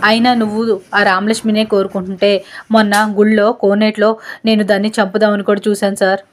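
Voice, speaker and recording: A woman voicing an obsessive young woman who keeps pleading and apologising, in a flat, even tone. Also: mid-range voice, fast, slight background noise, natural voice. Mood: desperate.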